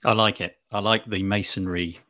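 A man hosting a casual panel discussion, relaxed and quick to chime in with agreement. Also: fairly low pitch, no echo, studio quality.

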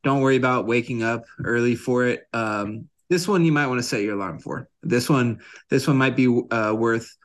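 A man co-hosting a casual sports podcast, easygoing and agreeable, with frequent ums. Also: mid-range voice. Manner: easygoing, agreeable, hesitant fillers. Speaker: podcast co-host.

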